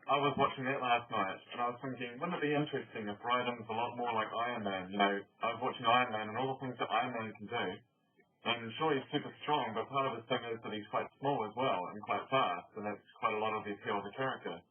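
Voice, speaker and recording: A man's voice: mid-range voice, quick pace, slight background noise. A man co-hosting a podcast, musing aloud in chatty casual talk. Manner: chatty, musing, full of fillers. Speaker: podcast co-host. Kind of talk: casual chat. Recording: tinny phone-like line.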